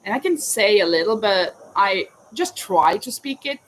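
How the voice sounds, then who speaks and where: A Norwegian woman, a crochet vlogger and teacher, chats casually while crocheting live at her home in Spain, rambling a bit, correcting herself, and answering viewers' questions as crickets sound outside. Her mid-range voice has lively intonation and a moderate pace. The low-quality recording carries slight background noise.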